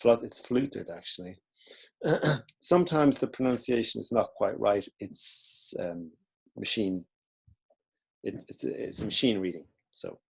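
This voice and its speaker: A man teaching in a relaxed, informal way, walking through a screen-recorded software tutorial. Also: medium pitch, a little slow, creaky, long pauses, slightly rough. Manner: relaxed, informal explaining while clicking.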